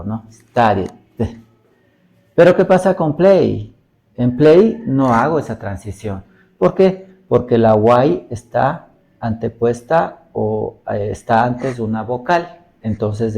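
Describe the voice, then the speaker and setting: A man teaching a recorded lesson, explaining patiently and often checking understanding with short tag questions, sounding out example words slowly. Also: fairly low pitch, vocal fry, a little mellow, rough recording. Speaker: English teacher.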